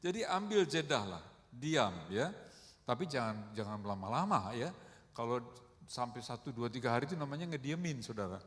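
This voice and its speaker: A middle-aged man preaching a sermon in a conversational way, often calling the congregation "saudara" and acting out quoted speech with big swings in loudness. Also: mid-range voice, sing-song, normal speed. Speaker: pastor. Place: church hall. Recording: long hall reverb.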